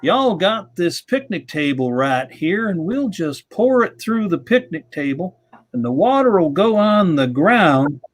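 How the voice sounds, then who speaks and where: Guy doing a laid-back southern cook, savannah drawl, slow and kinda high. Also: big pitch swings, heavily acted. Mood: unbothered.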